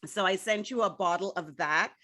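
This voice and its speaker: A woman's voice: on the low side, normal speed, pushed and bright. A woman hosting a casual interview podcast, chatty and laughing easily, often adding "right?" to her points. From lived in Miami. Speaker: podcast host.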